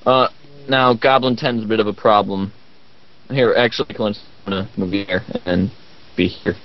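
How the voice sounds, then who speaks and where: A man's voice: fairly low pitch, fairly even intonation, normal speed. A man taking part in a tabletop role-playing game, talking casually through his moves and advice. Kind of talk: casual chat. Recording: dull lo-fi voice-chat audio.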